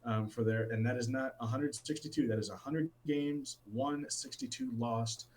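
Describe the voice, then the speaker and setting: A man co-hosting a casual sports podcast, talking with lots of fillers and restarts and getting excited about baseball. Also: medium pitch, normal speed, slight background noise. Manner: rambling, many fillers and restarts. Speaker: podcast co-host.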